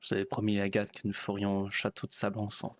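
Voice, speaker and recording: Man as a soft-hearted frontier pastor, lowish voice, solemn and gentle, role-play. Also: monotone, fast, close to an everyday voice. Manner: solemn, gentle ceremonial delivery. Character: naive, kindly progressive male frontier preacher.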